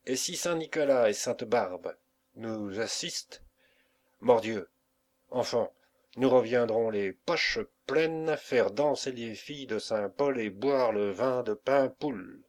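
A man's voice: medium pitch, slow, lightly acted. A man reading the part of a fiery pirate captain who rouses his crew and barks orders. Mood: rousing speech. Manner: rousing, barking orders.

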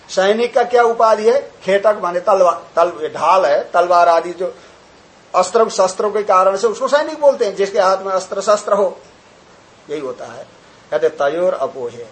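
An older man, a swami, giving a spiritual discourse on scripture, chanting verses slowly, then explaining them with rhetorical questions and examples. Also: high voice, low-quality recording.

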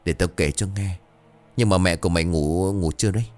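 A man voicing a gruff, secretive older village uncle who dodges questions in a hushed, low tone. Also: brisk, faint music behind, natural voice. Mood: grave.

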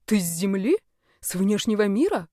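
Woman voicing a mocking young naga guy, loud, slangy, sly, storybook audiobook, dry sound. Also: medium pitch, very animated, normal speed, no echo, natural voice. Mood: teasing. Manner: teasing, slangy, brash. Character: cheeky young male naga student, mocking.

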